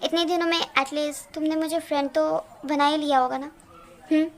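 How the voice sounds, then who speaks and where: A woman voicing a calm, caring young man in an amateur Hindi fan dub, speaking softly and reassuringly. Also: high voice, moderate pace. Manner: soft, reassuring. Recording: faint music underneath.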